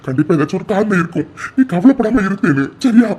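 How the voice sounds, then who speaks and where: Cartoon role: man doing a loving, simple village uncle, husky and high. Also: very animated, fast talker, darkish tone, exaggerated voice. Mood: comforting. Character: humble uneducated village uncle, proud and loving. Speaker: uncle of the family. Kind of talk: cartoon voice acting.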